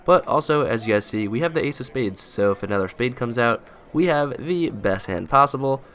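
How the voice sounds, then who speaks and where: Young man, congested stuffy voice, upbeat and excitable, poker vlog voice-over. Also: mid-range voice, fairly quick. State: congested from a cold. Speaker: poker vlogger. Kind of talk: voice-over commentary on poker hands.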